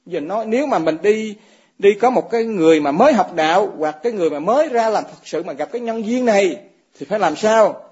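Monk giving a dharma talk, husky voice, keeps asking the room stuff and chuckling, muffled lo-fi sound. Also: male voice, high-pitched, lively intonation, fast, darkish tone. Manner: chuckles often, asks listeners direct questions. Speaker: Buddhist monk teaching fellow monks. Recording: dull lo-fi recording.

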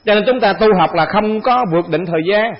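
In a high, gravelly, husky male voice, a Buddhist monk gives a dharma talk to a monastic assembly, speaking a little fast. His conversational teaching poses rhetorical questions he answers himself and repeats phrases, all captured on a dull, lo-fi recording.

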